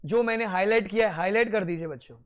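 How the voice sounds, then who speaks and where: Animated male law lecturer. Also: sits high, dull audio. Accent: Indian. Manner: animated, dictates notes slowly, then quick asides. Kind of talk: classroom lecture mixing Hindi and English.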